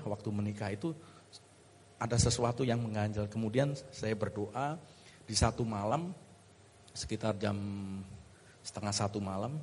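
A man's voice: on the low side, darkish tone, long reverb tail, slight background noise. A pastor telling his story to a church congregation in an earnest way, with restarts. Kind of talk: sermon testimony.

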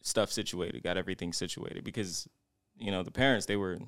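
A man's voice: deep voice, brisk, a bit bright, clean tone, dry recording. A young man co-hosting a podcast, telling a personal story in a reflective, rambling way with lots of fillers. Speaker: podcast co-host. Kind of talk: casual podcast chat.

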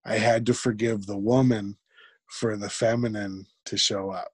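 A man with a fairly deep voice, a podcast guest, answers reflectively and haltingly in a conversational interview, often restarting his sentences. His intonation is fairly even with a breathy edge. He's recorded close and dry, with no room sound.

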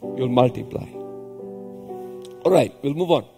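A pastor giving an animated sermon, repeating key phrases with emphatic rises and chuckling between points. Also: male voice, medium pitch, measured pace, creaky, soft background music. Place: church hall. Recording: long reverb in a large hall.

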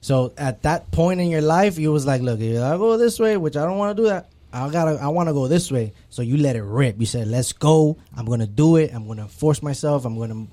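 A man co-hosts a casual interview in a hyped, slangy way. His voice is quick and mellow. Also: fairly high pitch, lively intonation. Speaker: co-host.

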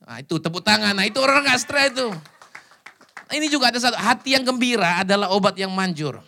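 A man preaching a lively, humorous sermon as pastor, joking with the congregation and mixing in English words. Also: sits high.

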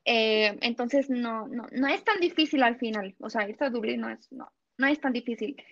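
Young Mexican woman, interview guest; high, animated storyteller voice; dull, dry recording. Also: normal speed, dry recording. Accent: Mexican Spanish. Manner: animated storytelling, acts out dialogue, laughs often. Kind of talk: casual interview chat.

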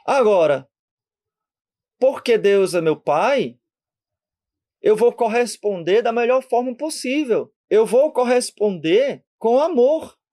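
Emphatic Brazilian priest preaching live. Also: male voice, very high-pitched, animated, mellow. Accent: Brazilian Portuguese. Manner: emphatic, full of rhetorical questions, speeds up and slows down for effect.

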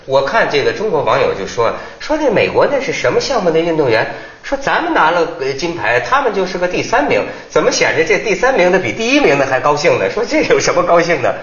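A man hosting a studio talk show, his voice a touch higher than usual and swinging widely in pitch as he chats. He keeps chiming in to agree with his guests. The sound is roomy and slightly dull. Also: fast, few pauses. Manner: lively, chatty, frequent agreeing interjections.

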